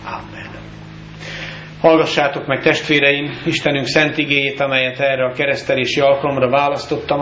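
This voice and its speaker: A male pastor giving a solemn, measured baptism sermon with scripture readings in a church. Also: mid-range voice, pushed and bright, reverberant, highs cut off, slight background noise.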